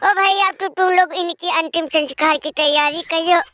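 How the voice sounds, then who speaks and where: A woman's voice: extremely high pitch, steady tone, moderate pace, a bit bright, dry recording. A woman voicing a melodramatic rustic village friend who wails and laments, in a comic cartoon. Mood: mournful.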